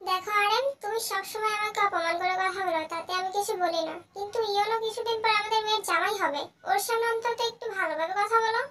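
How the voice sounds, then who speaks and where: A patient middle-aged mother, played by a woman in a home-made audio drama. She pleads with calm reason in a high, bright voice. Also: fast talker, few pauses, far from the mic.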